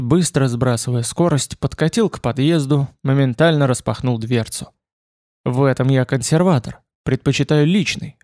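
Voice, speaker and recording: A man's voice: mid-range voice, darkish tone, no echo, clean studio sound. Man narrating a wry first-person audiobook.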